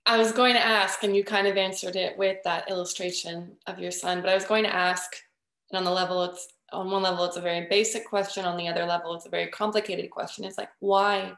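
A woman's voice: lowish voice, level tone, quick pace, vocal fry, fairly bright tone. A woman hosting an interview, asking curious, probing questions. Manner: curious, questioning, frequent affirmations. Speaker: interviewer, host. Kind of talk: conversational interview. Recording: roomy echo.

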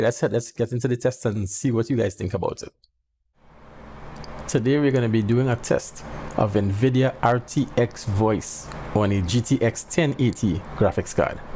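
In a small home room with faint birds chirping in the background, a man in his thirties calmly explains a microphone noise test to his channel's viewers. His voice is on the low side, and he speaks plainly and directly into a headset boom mic in a casual tech demo.

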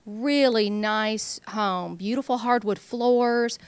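A woman with a fairly high voice narrates a property tour as a real estate agent. She lists features informally, as if only loosely scripted. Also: slow pace, smooth, no echo.

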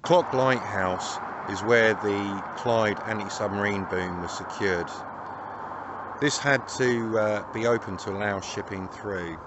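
A man's voice: on the low side, takes it slowly. An older man narrating his vanlife travels in a chatty way, with dry self-mocking humour. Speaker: vanlife vlogger. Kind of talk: casual travel vlog narration. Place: campervan and roadside spots outdoors. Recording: noisy outdoor vehicle recording.

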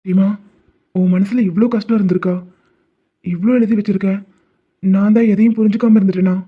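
A man's voice: sits high, steady tone, fairly quick, slightly rough. A man voicing a sensitive young student who grew up without parents, in a cartoon. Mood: sorrowful. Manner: pleading, tearful. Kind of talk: animated cartoon voice acting. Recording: tinny phone-like sound.

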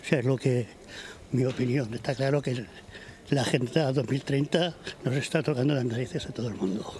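A blunt older man with a mid-pitched voice, stopped on a town street by a reporter. He speaks plainly and critically into a handheld microphone held outdoors. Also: a little fast, a little mellow. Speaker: passer-by interviewed on the street. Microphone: handheld reporter mic.

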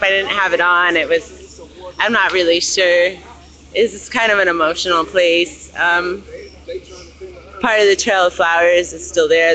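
A woman's voice: fairly low pitch, sharp tone, poor audio. American woman livestreaming from the street. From United States, Los Angeles. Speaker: livestreaming citizen journalist. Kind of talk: casual live interview and commentary. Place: outdoors at night by a busy street memorial. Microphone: handheld phone, behind the camera.

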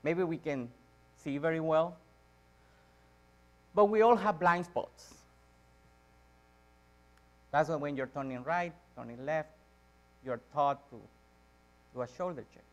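Speaking from the lectern on a church sanctuary stage, a Chilean preacher, a native Spanish speaker with a slightly high voice, delivers his sermon slowly and pauses often. He repeats things for emphasis, swinging dramatically from loud to soft.

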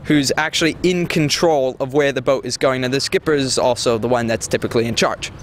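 Out on a sports field, a teenage boy who sails as a student answers interview questions, explaining the sport in a matter-of-fact way. He speaks briskly in a mid-range voice, and there's a bit of hiss or hum on the recording.

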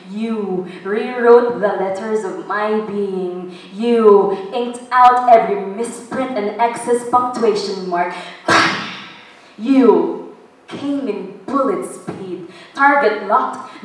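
Woman reciting slow dramatic spoken-word poetry. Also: mid-range voice. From Philippines. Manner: slow, dramatic delivery with shouted outbursts. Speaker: performance poet. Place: stage in a large hall. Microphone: stand mic, filmed from a distant camera. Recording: echoey hall from far off.

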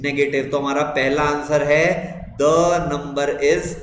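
The young computer teacher, who has an Indian English accent, talks slowly in a slightly high, level, somewhat bright voice during a live online class. Repeating questions and praising responses, he's recorded in an echoey room with a little background noise.

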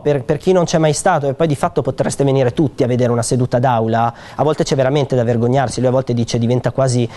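A man with a mellow, medium-pitched voice explains a proposed law to an audience in a theater. He talks conversationally, pausing on fillers and restarting sentences as he goes. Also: steady tone. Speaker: speaker presenting a bill at a public conference. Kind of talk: explanatory public talk. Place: theater hall.

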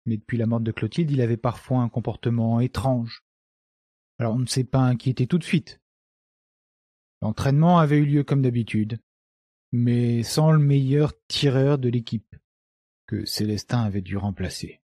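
A male narrator voicing an old village man recalling a past death in a slow, grave way. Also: medium pitch, mellow, dry recording, clean studio sound, natural voice. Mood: reminiscing. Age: older. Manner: slow, reminiscing storyteller.

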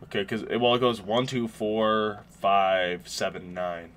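Laid-back, slow-talking man gaming. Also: fairly low pitch, steady tone, fairly bright tone, a little hiss or hum. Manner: laid-back, profane, joking. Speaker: gaming streamer. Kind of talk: casual co-op gameplay chat.

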